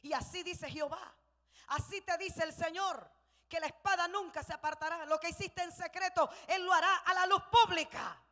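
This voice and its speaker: A woman pastor preaching a sermon, telling the story with passion and rising to shouts. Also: very high-pitched, steady tone, moderate pace. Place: church sanctuary. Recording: long church hall reverb.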